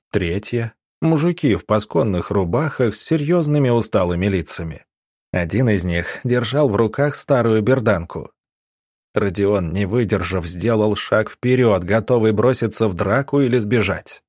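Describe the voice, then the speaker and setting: A man reading an audiobook in a measured, steady storytelling voice, recorded on a close studio mic. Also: fairly low pitch, no room sound. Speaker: audiobook narrator. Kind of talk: scripted narration.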